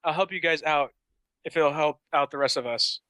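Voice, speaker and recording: A man's voice: a little high, moderate pace, sharp tone, clean tone, no room sound. A man voicing a small, earnest orc boy who leads a gang of kids in a tabletop game. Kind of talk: tabletop role-play voice.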